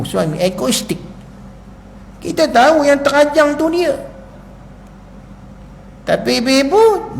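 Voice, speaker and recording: A Malaysian Malay man giving a mosque lecture as a religious teacher, lively and joking, acting out quarrels between husband and wife. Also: sits high, creaky, slight background noise. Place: prayer hall. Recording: echoey hall recording.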